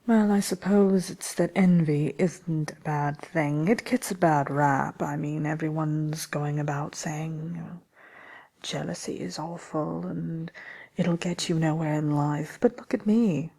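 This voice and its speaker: A wicked witch, played by a woman, murmurs through a soft ASMR fairy-tale chat show. Her voice is very low, breathy and husky, with a gravelly creak that often sinks toward a whisper. She is smug, envious and slyly haughty, lingering over hesitant pauses. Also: fairly even intonation, full character voice. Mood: smug, amused. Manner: sly, haughty, hesitant with many drawn-out pauses. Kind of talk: ASMR roleplay, soft-spoken chatty answers to listener questions.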